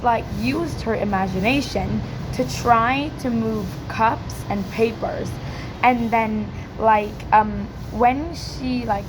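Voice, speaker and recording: A young-sounding female student with a high, croaky, cracking voice presents an informal question-and-answer session to practise her English speaking. She's hoarse from yelling, hesitates a lot and says "like" often, with noise in the background.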